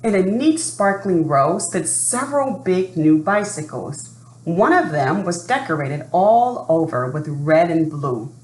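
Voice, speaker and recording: In this children's read-aloud, a lowish-voiced woman tells the story of a picture book with plenty of expression, addressing the kids directly, posing questions and leaving pauses. Faint background noise sits in a roomy recording.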